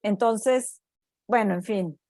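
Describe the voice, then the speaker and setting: In clean studio audio free of room sound, a Mexican woman who works as a university researcher speaks slowly in a mid-range voice. Telling a story in an informal interview, she's animated, voices the people she quotes, and keeps tacking "¿no?" onto her sentences.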